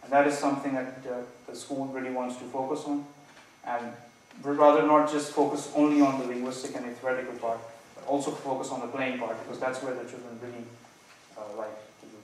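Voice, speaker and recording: A man defending his PhD thesis, nervous and hedging, halting with many false starts and repeated words. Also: medium pitch, level tone. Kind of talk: academic thesis defense, spontaneous answers. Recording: very echoey room, distant mic, faint noise.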